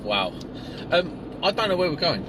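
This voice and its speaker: A man's voice: fairly high pitch, very animated, normal speed. A man with a south London accent, chatting casually and teasing his passenger while driving, in a blokey, jokey way. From Croydon, south London. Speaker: host driving and interviewing a guest. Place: inside a moving pickup truck. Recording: clear road and car noise.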